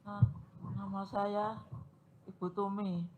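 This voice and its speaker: A woman's voice: mid-range voice, flat delivery, slow pace, phone-quality sound. Woman giving brief plain answers. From East Java, Indonesia. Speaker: visitor. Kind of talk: casual chat.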